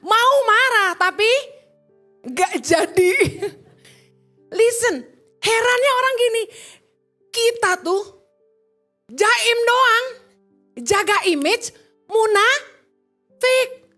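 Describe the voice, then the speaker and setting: A woman pastor preaching a sermon in a lively, joking way, quizzing the congregation and slipping in English phrases. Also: very high voice, extremely slow, long pauses, soft background music. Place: church.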